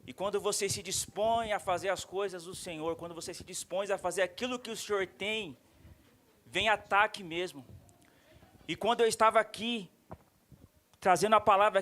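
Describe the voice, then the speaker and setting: High-voiced pastor preaching earnestly. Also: male voice, steady tone, fairly quick, a bit bright. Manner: earnest, emotional storytelling. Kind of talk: testimony sermon. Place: church sanctuary.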